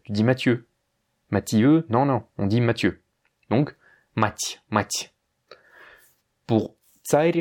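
A man teaching pronunciation in a relaxed, informal way, talking straight to a single learner. He repeats each example sound again and again, slowing down to draw it out. His voice sits at an ordinary male pitch. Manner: patient, repeats example sounds slowly and often; addresses the learner informally and directly. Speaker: Russian language teacher.

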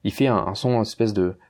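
A man giving a casual pronunciation lesson, speaking slowly and repeating words carefully, addressing the listener informally. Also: lowish voice, darkish tone. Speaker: language teacher.

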